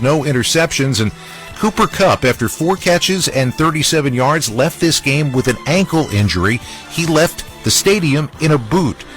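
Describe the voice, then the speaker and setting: A man hosting a sports radio highlight show, narrating recaps emphatically. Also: fairly bright tone. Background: music bed.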